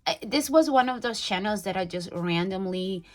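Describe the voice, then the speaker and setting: A woman's voice: medium pitch, animated, moderate pace. Bubbly young woman vlogger. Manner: bubbly, gushing, many fillers and restarts. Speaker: budgeting vlogger. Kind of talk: casual unboxing chat.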